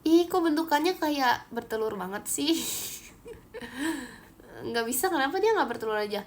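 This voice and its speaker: A woman's voice: high voice, animated, moderate pace, a little hiss or hum. A young Indonesian woman hosting a casual livestream, chatting and giggling as she reads viewer comments. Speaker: idol livestream host.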